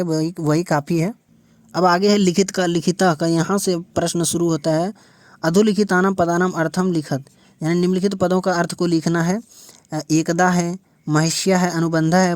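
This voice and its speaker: A man with a Bihari Hindi accent works through a textbook lesson, reading each line aloud and then explaining it. His voice sits a little high and stays flat and even. The recording is dry and close. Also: no room sound. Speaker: teacher.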